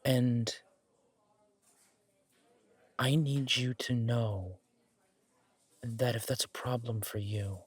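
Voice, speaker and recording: In a romantic audio roleplay, a man plays a mafia boss on a first date, earnest, protective, and wry. His medium-pitched voice has a breathy edge, recorded with no room sound, and he speaks in a measured, intimate way.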